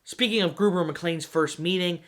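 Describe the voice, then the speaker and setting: A man with a fairly high, bright, forceful voice, narrating film trivia. He keeps it upbeat, chatty and emphatic. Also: normal speed. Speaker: video essay narrator.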